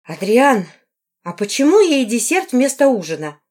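A woman's voice: sing-song, a little fast, darkish tone. A woman reading an audiobook, voicing a bossy, fussy young noblewoman who scolds and exclaims. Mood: accusing. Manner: shrill, exclaiming, reproachful.

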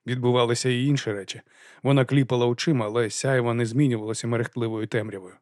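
A man reading a novel aloud as an audiobook, in even, measured narration. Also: medium pitch, dry recording, clean studio sound. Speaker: audiobook reader. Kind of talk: scripted narration.

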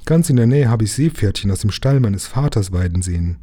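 Male reader doing a small eager sea princess, earnest, in a low husky voice. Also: expressive, a little fast, mellow. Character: tiny mermaid princess, helpful and eager.

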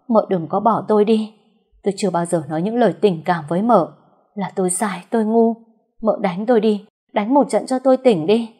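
A woman's voice: medium pitch, slightly rough, natural voice. A woman voicing a devoted young husband who pleads tearfully with his dying wife in a storybook reading. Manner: tearful pleading, soft murmuring at night.

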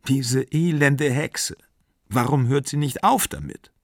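A man reading an audiobook, voicing an agitated young woman in raised, excited bursts. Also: medium pitch, normal speed, slightly rough, no room sound, clean studio sound. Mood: furious.

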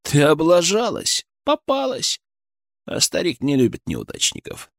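A cocky young thug in a police uniform drawls his threats in a lazy, sneering way, as a male reader voices him. The menace is quiet and the pitch wanders widely. The sound is dry and close. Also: wildly swooping pitch, unhurried, no echo, heavily acted. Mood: menacing. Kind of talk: audiobook character voice.

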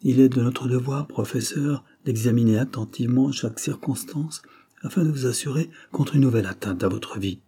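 A man voicing a confident male detective, insistent and brisk, in a storybook reading. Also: medium pitch, dark tone, breathy edge. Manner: insistent, cheerful authority.

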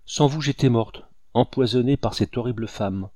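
A man's voice: medium pitch, normal speed, mellow, no room sound, lightly acted. A man reading an audiobook, voicing an effusive, heartfelt young noblewoman. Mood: effusive gratitude.

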